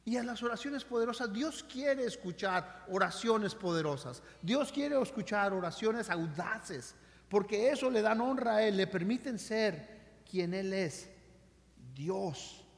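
A male pastor preaching a sermon, swinging between loud emphasis and quiet, intimate lines. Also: sits high, unhurried, in a large hall. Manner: animated preaching with dramatic swings in loudness. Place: church sanctuary.

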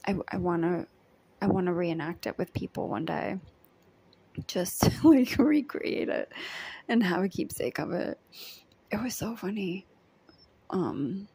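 Giggly young woman telling a story vlog-style, breathy and gravelly, slow and drawn out. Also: fairly low pitch, mellow. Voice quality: breathy, with vocal fry. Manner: giggly, chatty, many likes and ums, often half-whispered. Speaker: vlogger recounting a day as a background extra. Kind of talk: casual storytime diary vlog.

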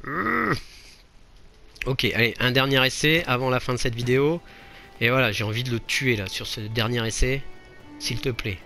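A man's voice: medium pitch, normal speed, vocal fry, long pauses, pushed and bright, a little hiss or hum. A man giving casual let's play commentary, mocking himself and exclaiming at each failed attempt. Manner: self-mocking, exclaims and laughs at his own failures. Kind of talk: gameplay commentary.

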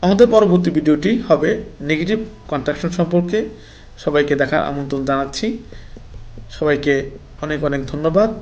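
A man with a Bengali accent, teaching an English lesson slowly, repeating each phrase and checking in with the viewer. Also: a little high, a little mellow, highs cut off, faint music behind. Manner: repeats each phrase and asks "okay?" after examples. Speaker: English tutor. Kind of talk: slow spoken English lesson, repeating words.

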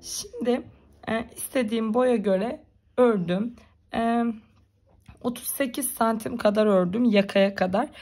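A woman with a hoarse, gravelly, cracking voice, giving informal step-by-step craft instructions as a tutorial host. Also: on the high side, a little slow, a little mellow. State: hoarse, strained voice from being unwell.

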